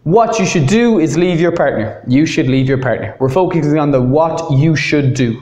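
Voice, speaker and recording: A man's voice: on the high side, normal speed, darkish tone, echoey room. A man with an Irish accent teaching an English grammar lesson, explaining step by step and stressing key words.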